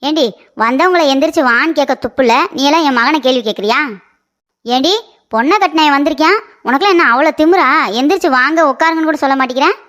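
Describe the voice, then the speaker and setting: A woman's voice: high voice, fast, fairly bright tone. A woman voicing a quarrelsome, scolding middle-aged mother in a comic cartoon. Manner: scolding, taunting.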